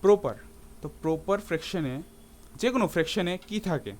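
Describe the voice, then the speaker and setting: A man's voice: sits high, expressive, quick pace, a little mellow. A man teaching a math lesson in a classroom-lecture style, often asking his students rhetorical questions and slipping English terms into his speech.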